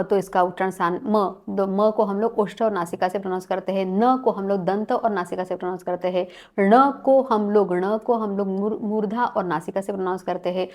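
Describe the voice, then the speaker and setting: Slow, deliberate woman teaching a language lesson. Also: medium pitch, a little mellow. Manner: slow, deliberate listing of sounds one by one; mixes English words into her speech. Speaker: Sanskrit teacher. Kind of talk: spoken classroom-style lesson.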